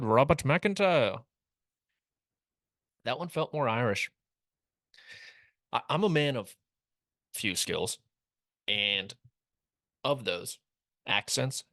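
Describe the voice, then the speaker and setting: A man's voice: on the low side, creaky, bright, forceful tone, no echo. A young man hosting a casual comedic sports recap, wry and rambling with jokey asides, recorded close in a small studio. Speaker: host.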